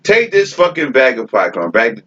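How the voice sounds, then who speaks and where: Animated, profane man telling a story. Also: medium pitch, moderate pace. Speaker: podcast co-host. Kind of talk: casual storytelling chat. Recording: dull lo-fi podcast audio.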